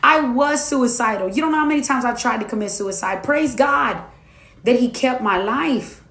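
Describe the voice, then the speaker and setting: A woman in her twenties, a minister and life coach, preaches her testimony to viewers with an emphatic, repetitive cadence. Her fairly high voice is a bit bright and moves at normal speed, with a roomy sound.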